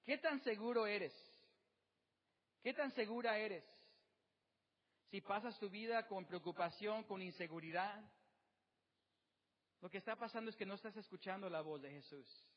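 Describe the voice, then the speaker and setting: A male pastor preaching a sermon outdoors, often asking the congregation questions and slowing down to stress key words. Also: sits high. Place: outdoor service with birds nearby. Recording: dull sound with long reverb.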